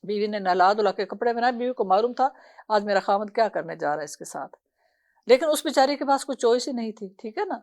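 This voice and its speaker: A woman's voice: mid-range voice, animated, darkish tone. A middle-aged woman preaching a sermon, telling a story with emotional sighs and laments. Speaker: religious preacher.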